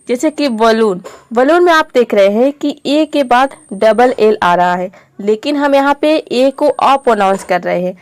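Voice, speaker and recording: Patient woman teacher, pitched a little high, dry and close, repeats every example word. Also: no echo. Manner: patient, explains step by step and repeats words. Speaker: English pronunciation teacher. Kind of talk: classroom-style video lesson.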